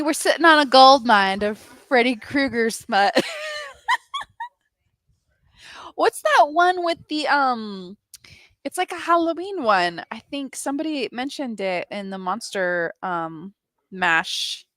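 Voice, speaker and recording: A young woman hosts reading sprints on a video call, chatting casually, laughing often, and trailing off mid-sentence. Her fairly high voice is expressive, a bit bright, and a little slow. The dry recording has studio quality.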